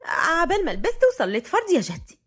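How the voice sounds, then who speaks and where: A feisty young woman in her twenties talks back in a raised, bright voice, as a woman storyteller puts her on. She is quick, cheeky and defiant in an audio storybook. Her lines bounce up and down with lively energy. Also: sits high, voice pushed up. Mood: soft.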